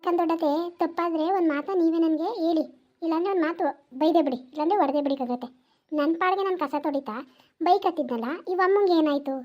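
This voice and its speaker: A woman's voice: extremely high pitch, quick pace, lo-fi sound. A woman voicing a quarrelsome village woman in a cartoon, bickering sharply. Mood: pleading. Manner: grumbling, sharp-tongued bickering. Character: quarrelsome village woman sweeping her doorstep. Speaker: cartoon character. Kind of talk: cartoon voice acting.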